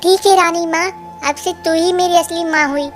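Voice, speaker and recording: A woman's voice: very high-pitched, fairly even intonation, normal speed, faint music behind. Tuni, a woman doing a pleading little girl bird. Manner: pleading, tearful. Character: sad, overworked young girl bird.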